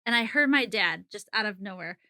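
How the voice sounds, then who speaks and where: A woman's voice: medium pitch, lively intonation, a little fast, sharp tone, dry recording, studio quality. A middle-aged woman, a psychic medium, chatting as a podcast guest and laughing often as she explains. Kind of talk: casual interview conversation.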